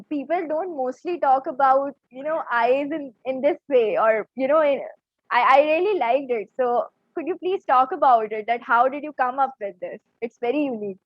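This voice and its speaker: A woman's voice: sits high, dry recording. A woman hosting an interview, asking careful questions and repeating herself as she goes. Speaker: interview host. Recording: dry, dull lo-fi audio.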